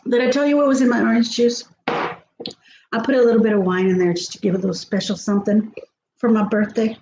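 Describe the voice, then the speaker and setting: A South Texas woman in her fifties livestreams her cooking from home, speaking a little fast with a Texan accent in a fairly high, steady voice. She rambles in a friendly way, laughing often and trailing off. The sound is roomy, with a noisy background.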